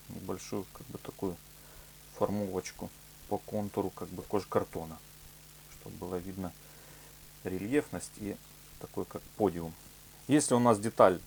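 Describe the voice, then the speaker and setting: Fairly low and darkish in tone, this man's voice guides viewers through a leathercraft demonstration step by step. His phrasing is tentative and full of fillers, and a hum runs through the otherwise clear background.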